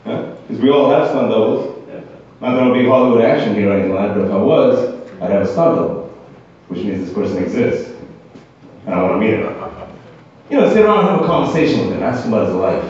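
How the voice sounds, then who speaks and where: Guest comic at a bar open mic, deadpan musing, sounds distant and boomy, muffled. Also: male voice, fast, long pauses, slight background noise. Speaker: guest stand-up comedian. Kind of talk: stand-up set. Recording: distant echoey dull bar recording.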